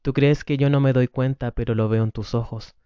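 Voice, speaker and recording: A man reading the lines of a weary wife and mother, gentle with the children and hurt with her husband, on a dull lo-fi recording. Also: mid-range voice, steady tone, a little fast, clean tone, dry recording, close to an everyday voice.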